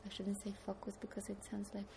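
A young Polish woman, her Polish accent tinged with British, chats casually as a guest at a noisy train station. Her medium-pitched voice is gravelly and darkish, quick-paced and completely flat, and she often restarts her thoughts in a reflective, rambling way.

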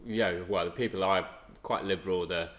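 A man hosting a podcast, asking questions in a soft-spoken, halting way as he chats casually with his guest. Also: sits low, fairly even intonation, crowd noise. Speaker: podcast host, interviewer. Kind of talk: casual interview chat.

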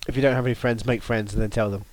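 A man's voice: mid-range voice, fairly even intonation, racing. A man co-hosting a podcast, joking and riffing in casual chat. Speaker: podcast co-host.

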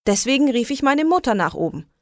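Woman, storyteller, expressive children's story reading, animated pitch, dry close sound. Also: fairly quick, no room sound. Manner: lively, expressive reading with raised voices for quoted calls. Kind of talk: scripted children's story narration.

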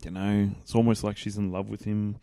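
A man's voice: on the low side, flat delivery, brisk, mellow, clear, resonant tone, no echo, studio quality. A man hosting a podcast, chatting casually in a joking, playful, rambling way while he watches a film. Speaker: podcast host. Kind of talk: casual chat.

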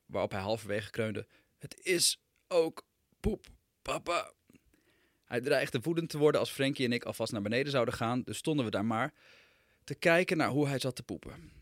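A man's voice: medium pitch, dry recording. A man, a writer, reading aloud his own humorous personal essay with dry, wry storytelling.

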